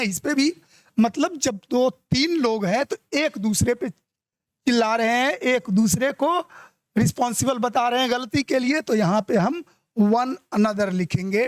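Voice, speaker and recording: A male English teacher giving an exam-prep grammar lesson. He reads the test sentences out slowly, explains them quickly, and keeps checking that his students follow. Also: very high voice, no room sound.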